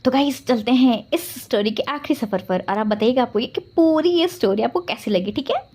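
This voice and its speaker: A woman narrating a fan story in a rapid, chatty way as channel host. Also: a little high, animated, a little mellow, a little hiss or hum.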